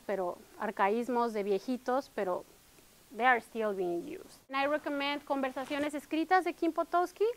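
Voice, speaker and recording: Speaking in a fairly bright, higher-range voice, this workshop presenter is a middle-aged Mexican woman whose Mexican Spanish accent colors her academic talk. She alternates Spanish and English, frequently adding a question tag to what she says.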